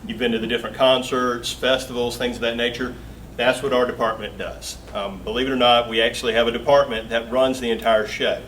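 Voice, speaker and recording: A man's voice: medium pitch, flat delivery, fairly quick, a bit bright. A man in his forties with a Southern Georgia accent, giving a joking, folksy company talk. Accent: Southern US, Augusta Georgia. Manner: folksy and joking, with filler words. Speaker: guest speaker. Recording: distant mic with faint room noise.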